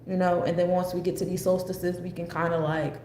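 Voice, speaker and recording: An American woman gives an astrology forecast in a loose, unscripted talk that rambles and wanders off on tangents. Her voice sits on the low side with a dark tone, and she speaks a little fast in a flat way. The room is echoey, with faint noise in the background.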